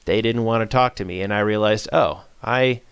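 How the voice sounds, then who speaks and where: Smooth-voiced man giving a casual webinar talk. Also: fairly low pitch, normal speed, fairly bright tone, no room sound. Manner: conversational, many "uh" fillers and self-corrections. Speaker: webinar presenter on science communication.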